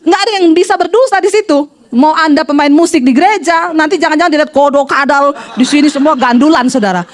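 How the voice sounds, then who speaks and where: High-voiced woman preaching a lively sermon. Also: quick pace, a faint crowd. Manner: animated storytelling, quoting voices with shifts in pitch. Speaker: pastor.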